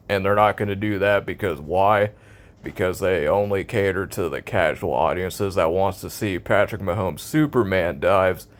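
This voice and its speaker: An American man in a casual, opinionated rant about a video game, blunt, cynical and sarcastic in his complaints. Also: deep voice.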